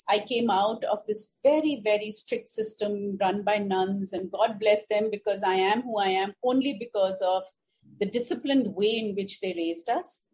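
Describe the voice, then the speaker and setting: A woman's voice: medium pitch, a little mellow, rough recording. A middle-aged woman with an educated, posh Indian English accent, speaking reflectively and emphatically in an interview, articulate and repeating words for stress. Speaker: interview guest, parent. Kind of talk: conversational interview answer, personal reflection.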